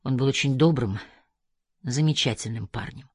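A man voicing a guarded young woman who tells her past in a flat, even way, in an audiobook. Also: mid-range voice, normal speed, husky, no room sound, clean studio sound, lightly acted.

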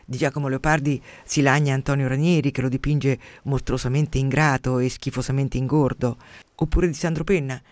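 A man hosting a radio programme, reading a poet's letters aloud and commenting with passion, swinging between sudden loud outbursts and hushed drops. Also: medium pitch, steady tone, brisk, no echo. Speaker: radio host. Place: radio studio.

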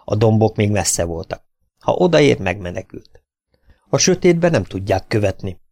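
A male audiobook narrator reads an adventure novel in a steady, even way, with a low, gravelly voice. The recording is dry and close, with no room sound. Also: no room sound.

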